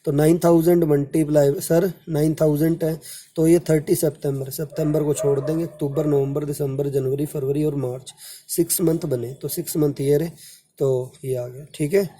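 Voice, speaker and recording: Husky, dark-voiced male tutor. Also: fairly high pitch, fairly even intonation, normal speed. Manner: counts months aloud, calls students "बेटा", quotes their questions. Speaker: commerce teacher. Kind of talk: classroom-style lecture.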